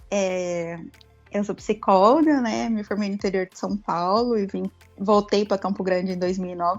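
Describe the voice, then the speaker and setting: A Brazilian woman, a podcast guest, telling her story in a lively, animated way. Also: medium pitch, highs cut off. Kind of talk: casual storytelling interview.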